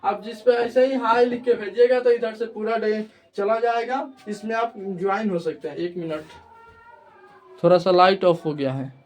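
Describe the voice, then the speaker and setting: A young man teaching a grammar lesson online, often pausing to check that students follow. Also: high-pitched, fairly even intonation, recorded from a distance. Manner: repeats checks of understanding.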